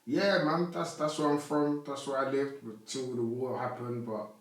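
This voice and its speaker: A man's voice: medium pitch, normal speed. A man, a podcast guest chatting loosely with a lot of slang. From Congo. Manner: relaxed, rambling street slang. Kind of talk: casual interview chat. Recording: echoey room, mic at a distance.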